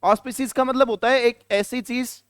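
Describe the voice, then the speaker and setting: A man teaches a classroom lesson in a high, crisp voice. He keeps quizzing his students and repeating the answers. The sound is close and dry, with no room echo. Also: steady tone, moderate pace. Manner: questions the students and answers himself, repeating key words. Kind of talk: classroom lecture.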